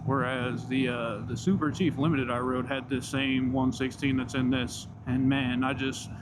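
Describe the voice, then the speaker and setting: Male motovlogger, casual and slangy, mid-pitched, talking mid-ride under very loud engine and road noise. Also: level tone, moderate pace. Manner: laid-back slangy enthusiasm; talking while riding a motorcycle. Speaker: motorcycle vlogger. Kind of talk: casual riding commentary. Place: outdoors on a moving motorcycle.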